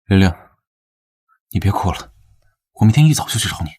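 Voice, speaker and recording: A man's voice: deep voice, lively intonation, fairly quick, a little mellow. A young man playing a rich family's heir and unfaithful husband in a drama. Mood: soothing. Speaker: husband, son. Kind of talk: TV drama acting.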